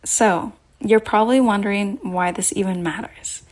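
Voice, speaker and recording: A woman's voice: mid-range voice, moderate pace, a little mellow. A woman presenting scripted educational narration, explaining things directly to the listener.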